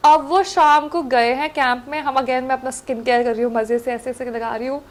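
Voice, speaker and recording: A young woman, a guest on a chat show, telling stories in a casual, animated way, mixing in English and laughing often. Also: high voice, brisk.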